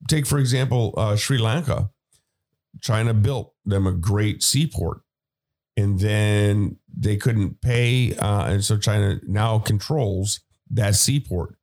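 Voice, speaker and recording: Male podcast host, lower register, casual commentary delivery. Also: takes it slowly, a little mellow. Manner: conversational, with fillers and asides.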